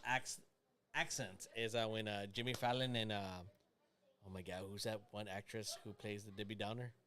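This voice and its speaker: A man's voice: lowish voice, steady tone, normal speed, a bit bright. Joking man in a casual reaction chat. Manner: joking, rambling with restarts. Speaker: co-host reacting to a video.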